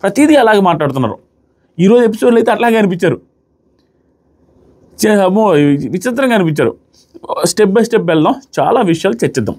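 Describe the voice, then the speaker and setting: Fast, high-voiced man. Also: sing-song, a little mellow. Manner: sarcastic, acts out what people said. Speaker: show reviewer. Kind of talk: casual commentary review.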